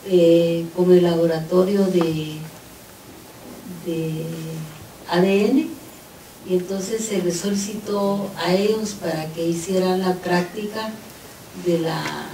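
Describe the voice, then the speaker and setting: A woman with a fairly low, mellow voice speaks carefully and hesitantly on a panel. She is heard from a distance in an echoey hall. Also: steady tone, a little slow, a little hiss or hum. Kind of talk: panel discussion. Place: lecture hall. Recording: roomy hall, distant mic.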